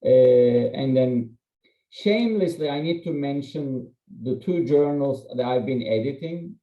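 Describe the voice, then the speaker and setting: A man's voice: medium pitch, lively intonation, a little slow. A man from Turkey, a non-native English speaker and journal editor, presenting an academic webinar in a candid, self-deprecating, conversational way with frequent fillers. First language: Turkish. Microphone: computer mic on video call. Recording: echoey, slightly muffled video-call audio.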